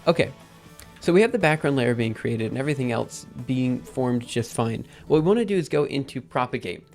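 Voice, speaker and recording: A man hosting a live coding stream, thinking aloud in a halting, casual way with many ums. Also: medium pitch, animated, creaky, darkish tone, faint music behind. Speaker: livestream host.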